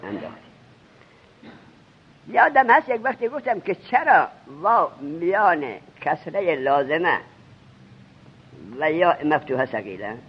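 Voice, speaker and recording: A male religious teacher giving a seminary grammar lesson, quizzing his students with rapid questions. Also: a little high, sing-song. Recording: dull lo-fi recording.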